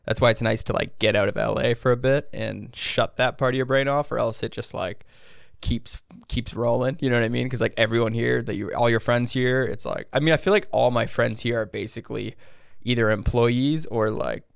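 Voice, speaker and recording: An American man with a raspy vocal fry, chatting casually and ramblingly as a podcast guest. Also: medium pitch, steady tone, a little fast, no room sound, clean studio sound. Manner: rambling, hedging, self-interrupting. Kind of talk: casual interview chat.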